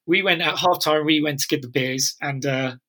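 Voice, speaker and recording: Guy from london rambling thru an old match story, bright voice, kinda high, lots of ums. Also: moderate pace. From London area. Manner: meandering storytelling with fillers. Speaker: podcast co-host. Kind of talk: casual chat.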